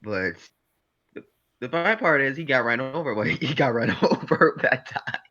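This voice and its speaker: A giggly man telling stories in casual chat, his voice bright and lively as it swings up and down. The sound is dull and lo-fi, coming through a voice chat. He keeps breaking into laughter between his words. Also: medium pitch, moderate pace. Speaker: streaming friend.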